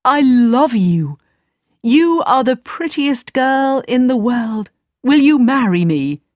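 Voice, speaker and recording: A woman's voice: sits high, very animated, slow pace, darkish tone, no room sound, studio quality, pitched above the performer's own voice, heavily acted. A woman reading a storybook voices an earnest, smitten young prince, speaking with a lightly raised voice. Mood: adoring.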